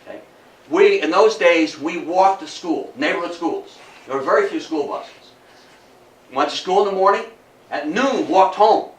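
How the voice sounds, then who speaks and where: At normal speed and with a voice that sits high, the older man from Athens, New York, carries on his informal storytelling lecture about local history. He stresses points, repeats phrases and asks rhetorical questions; the echoey room and distant mic add faint noise.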